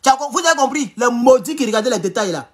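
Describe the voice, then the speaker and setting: A man with an Ivorian French accent, speaking loudly and mockingly in a rambling live stream from his home, talking straight into his phone with no external mic. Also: extremely high pitch, expressive, quick pace. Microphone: phone without external mic.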